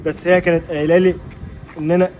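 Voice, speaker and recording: A man's voice: on the high side, little pitch movement, quick pace, music in the background, lightly acted. A man playing a brave, protective young man in an amateur web drama, speaking earnestly and reassuringly in an Egyptian Arabic accent.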